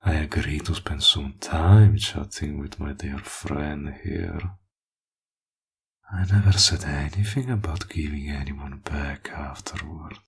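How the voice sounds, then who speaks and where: This villain, performed by a man in a full character voice, sounds very deep and gravelly, with a husky, breathy edge. Smug and possessive, he flirts and menaces by turns, taking his time and teasing before dropping into whispers. It's roleplay audio acting delivered as an intimate monologue.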